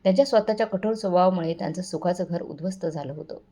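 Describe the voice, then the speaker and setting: A woman's voice: lowish voice, rapid-fire, mellow. A woman narrating an emotional family story in a scripted, dramatic way.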